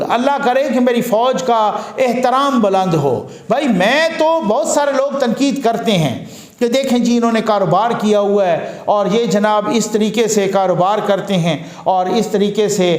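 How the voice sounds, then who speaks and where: Speaking unhurriedly in a high voice, a news commentator from Pakistan gives a political commentary, earnest and rhetorical, hammering points home with repetition. The recording has a roomy feel.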